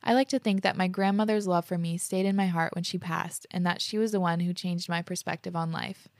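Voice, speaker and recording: A young woman hosts a podcast, reading listener stories aloud and reacting casually, dropping frequent "like" fillers and the odd swear word. Her lowish voice is steady and fairly quick, captured in a dry, studio-quality recording.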